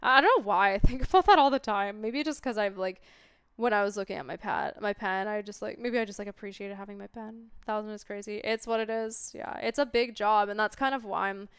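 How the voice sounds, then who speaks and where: A woman's voice: medium pitch, brisk, clean tone, dry recording, clean studio sound. A stoned woman streamer chatting casually to viewers in a rambling, laid-back stoner way that drifts into tangents. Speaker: livestreamer. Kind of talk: casual livestream chat with viewers.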